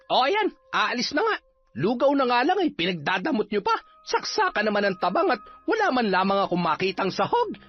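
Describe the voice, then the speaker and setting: A man plays a rude villager in a horror audio drama, grumbling loudly and scornfully. The voice is pitched high and jumps around, with a husky grain. The recording is slightly dull, with soft music underneath. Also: wildly swooping pitch, brisk, few pauses, exaggerated voice. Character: rude complaining villager, grumpy.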